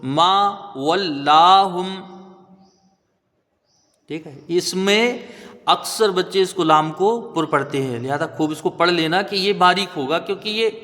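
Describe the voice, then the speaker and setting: A man teaching Quranic recitation, spelling out letters and then slowly chanting each word, often checking with "right?". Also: high-pitched, expressive, sharp tone, in a large hall. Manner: patient, drawn-out chanting of each word, frequent "theek hai?" checks.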